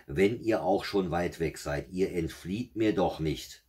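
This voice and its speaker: A cruel old witch from a storybook, threatening and commanding, as a man puts her on. Her voice is very deep and husky. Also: slow pace, darkish tone, heavily acted.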